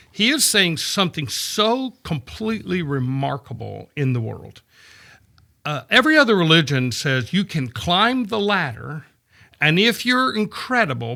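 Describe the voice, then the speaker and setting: A man explaining scripture in a casual podcast chat, animated and storytelling, often checking in with "right?". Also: on the high side, creaky. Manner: animated storytelling, acts out quoted voices, frequent "right?" checks. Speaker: podcast guest discussing scripture. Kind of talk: casual conversational Bible teaching.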